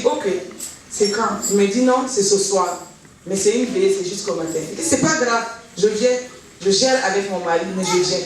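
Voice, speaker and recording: Woman telling her story in an echoey hall. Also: mid-range voice. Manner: animated, acts out remembered dialogue. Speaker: church member giving testimony. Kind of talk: personal testimony, storytelling. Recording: very echoey hall, voice from far off, faint noise.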